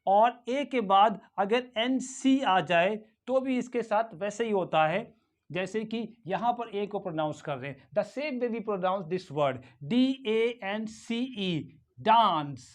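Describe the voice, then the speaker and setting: Very slow Indian woman teaching pronunciation. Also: medium pitch, lively intonation. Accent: Indian English. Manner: spells words letter by letter, then repeats them slowly and clearly. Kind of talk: pronunciation lesson, mixing Hindi and English.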